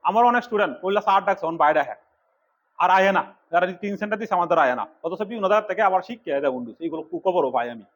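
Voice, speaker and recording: A middle-aged man from Bangladesh, an instructor giving a fast classroom lecture, scolding and urging his students. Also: high-pitched, lively intonation, a bit bright. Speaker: computer course instructor.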